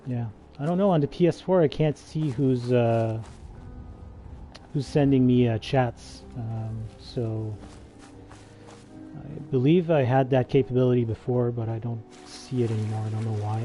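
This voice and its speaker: Hesitant man with a dark voice. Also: mid-range voice, a little slow, soft background music. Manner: hesitant, full of "uh" fillers and restarts. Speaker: gaming livestreamer. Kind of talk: casual gameplay commentary.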